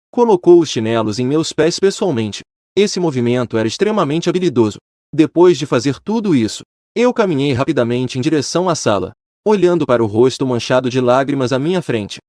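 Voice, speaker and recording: A man narrating a romance story in the first person, at a mid pitch with a lively, animated rise and fall. His reading is steady and scripted, and the sound is very dry and close with no room echo.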